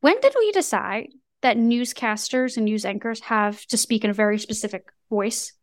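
A young woman co-hosting a casual podcast chat, talking in an animated way with many fillers. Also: fairly high pitch, moderate pace, no room sound. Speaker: co-host. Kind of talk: casual chat, reads news in a newscaster voice.

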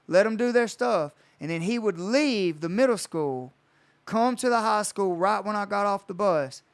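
A man's voice: sits high, clear, resonant tone. A young man, a coach, telling a personal story in casual podcast chat, full of swearing and retold dialogue. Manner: storytelling, retells conversations with swearing.

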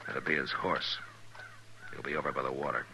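Marshal Dillon, very deep, stern lawman. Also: fairly even intonation, creaky, pushed and bright, full character voice. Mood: watchful, quiet. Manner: laconic, commanding, measured. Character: stern, steady male frontier marshal, patient but firm. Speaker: lead actor in a radio western. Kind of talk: 1950s radio drama acting. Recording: noisy vintage 1950s radio broadcast recording.

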